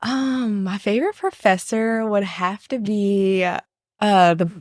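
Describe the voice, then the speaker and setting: A woman's voice: mid-range voice, slow, a little mellow, no echo, clean studio sound. A young woman, a podcast guest who chats in a friendly way and laughs easily. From Louisiana. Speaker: guest marketer. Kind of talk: casual chat.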